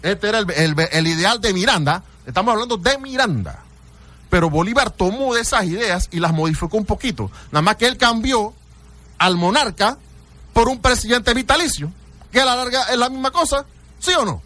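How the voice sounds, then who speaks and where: A man's voice: sits high, expressive, normal speed, pushed and bright. A man hosting a radio call-in show, talking emphatically and theatrically and urging listeners to pay attention. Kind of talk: radio call-in talk on history.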